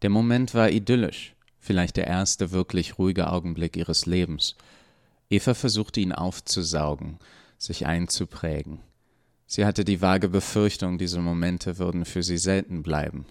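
A man calmly narrating a serialized audiobook story. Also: low voice, normal speed, dry recording, clean studio sound.

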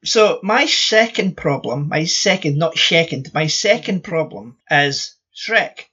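A Scottish man co-hosting a podcast in casual chat, blunt and animated, swearing freely as he rants. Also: a little high, takes it slowly, husky, highs cut off. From Scotland. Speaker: podcast co-host.

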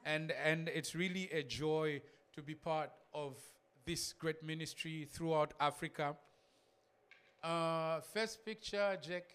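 A man's voice: on the high side, slow, a bit bright, clean tone. A man from Zambia, a missionary guest speaker, giving a casual church talk with pictures, repeating words and laughing in asides.

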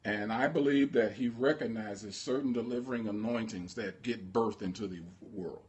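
A man's voice: on the low side, moderate pace, darkish tone. Impassioned male pastor preaching. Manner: impassioned, call-and-response with congregation. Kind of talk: sermon.

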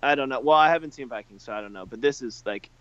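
A man's voice: medium pitch, fast, fairly bright tone, clear, resonant tone, no room sound. A man co-hosting a podcast in casual banter, teasing his partner and swearing casually. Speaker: podcast co-host. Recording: dull lo-fi sound.

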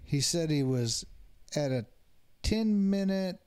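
A man's voice: fairly high pitch, animated, slow pace, a little mellow, clear, resonant tone. A man co-hosting a church men's podcast, telling a story in a plain, folksy way. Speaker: podcast co-host. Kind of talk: casual storytelling.

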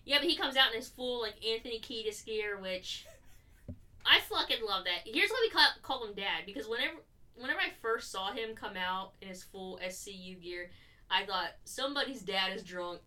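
A woman's voice: medium pitch, lively intonation, normal speed, bright, forceful tone, distant mic. A woman co-hosting a podcast in casual, profane, sarcastic chat, laughing often. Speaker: podcast co-host reviewing wrestling.

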